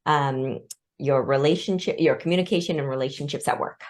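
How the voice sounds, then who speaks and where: A woman's voice: sits low, a little fast. A woman in her forties, born in Vietnam and raised in Seattle, speaking as an interview guest and explaining her ideas with everyday examples. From born in Vietnam, raised in Seattle, USA. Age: 40s. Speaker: guest, organizational development consultant. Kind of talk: interview conversation.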